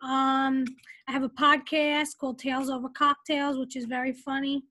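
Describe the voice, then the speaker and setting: Bright New woman in casual chat. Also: high-pitched, moderate pace. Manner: chatty, animated storytelling. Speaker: radio voiceover artist. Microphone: video call.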